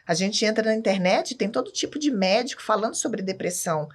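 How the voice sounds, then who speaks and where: A woman's voice: medium pitch, animated, brisk. A Brazilian woman talking as a podcast guest, emphatic and candid, often checking that the listener follows. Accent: Brazilian Portuguese. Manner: emphatic, keeps asking "entende?".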